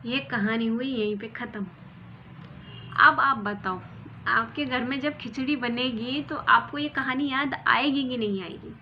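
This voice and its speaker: A woman telling a bedtime folk tale in a chatty way, acting out the characters with loud outbursts. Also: a little high, unhurried, dull audio, a little hiss or hum. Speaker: storyteller. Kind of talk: casual folk tale narration.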